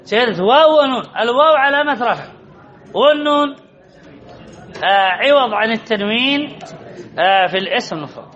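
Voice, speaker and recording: High bright male grammar teacher. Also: expressive, a little fast, long pauses. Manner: questions students by name, teasing, repetitive drilling. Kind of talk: classroom lesson. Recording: dull lo-fi recording.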